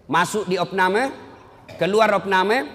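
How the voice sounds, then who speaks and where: Male preacher, high voice, humorous sermon, big reverberant hall. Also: slow pace. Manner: lively, shifting loud and soft, acts out quotes.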